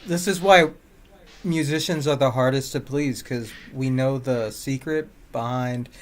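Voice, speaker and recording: A man's voice: mid-range voice, unhurried. A man co-hosting a music podcast, joking in casual chat and humming riffs. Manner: joking, animated, hums riffs. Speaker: podcast co-host.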